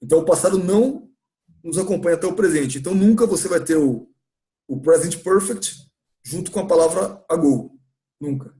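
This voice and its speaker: A man's voice: a little high, a little fast, dark tone. Patient Brazilian male English teacher. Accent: Brazilian Portuguese. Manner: patient, asks the class questions and repeats points. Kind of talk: classroom grammar lesson. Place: church classroom.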